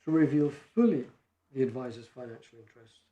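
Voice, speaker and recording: A man's voice: medium pitch, lively intonation, phone-quality sound. Man arguing a case in an echoey courtroom. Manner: measured, reads quotations from case law. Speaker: barrister. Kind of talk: courtroom legal argument. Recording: echoey courtroom, faint noise.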